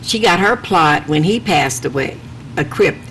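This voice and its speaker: Hesitant woman in her seventies, low voice. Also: animated, measured pace, a bit bright, slight background noise. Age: 70s. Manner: hesitant, with many restarts and fillers. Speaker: talk show host. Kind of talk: casual studio chat.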